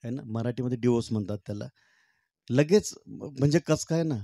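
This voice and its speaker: A man's voice: mid-range voice, no room sound. Dry-voiced male poet singing and chatting on stage. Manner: sings poem refrains slowly and loudly, then talks warmly and chattily to the crowd. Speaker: poet performing for an audience. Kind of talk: stage poetry recital with talk to the crowd. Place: stage at a public event.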